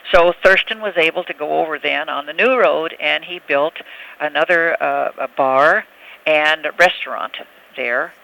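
An elderly woman reminiscing haltingly in a telephone interview, often searching for words. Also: low-pitched, gravelly, pushed and bright, poor audio. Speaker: oral history interviewee.

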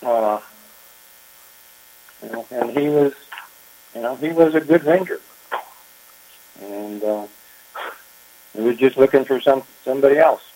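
An older man, a former park chief ranger, telling his story in an interview, unhurried and reflective with frequent pauses. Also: medium pitch, mellow, rough recording. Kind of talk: oral history interview.

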